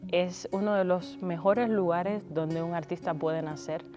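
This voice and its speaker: Cuban lady musician talking about her roots, lowish voice, soft music behind. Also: steady tone, unhurried. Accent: Cuban Spanish. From Cuba. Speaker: flutist and orchestra conductor. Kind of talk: reflective interview answers.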